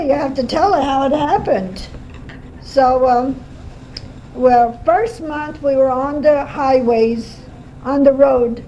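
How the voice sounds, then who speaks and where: An older woman from Armenia (Erzurum, Turkey), now in her seventies, sits for an oral history interview in her home kitchen, her voice high-sitting and dark. She tells her life story slowly and haltingly, full of pauses and fillers, and the lo-fi home cassette recording carries a faint hiss.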